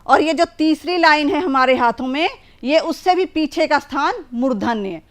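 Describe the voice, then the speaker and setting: A woman's voice: sits high, expressive, normal speed. A woman teaching a children's language lesson, patiently drawing out each sound and word for young pupils. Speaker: primary school teacher.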